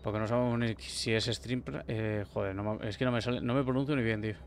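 A young man from Spain giving casual, excitable let's play commentary, swearing often. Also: lowish voice, quick pace. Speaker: gamer. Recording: noisy with game sounds behind.

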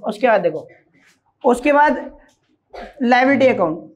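A man teaching an accounting class, repeating each rule and putting quick questions to his students. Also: extremely high pitch, animated. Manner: drills rules by repeating them and quizzing students. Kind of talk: classroom lecture. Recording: dull lo-fi recording.

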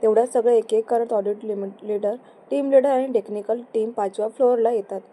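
A woman narrating a romance story in a steady, even storytelling manner. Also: a little high, fairly quick, rough recording.

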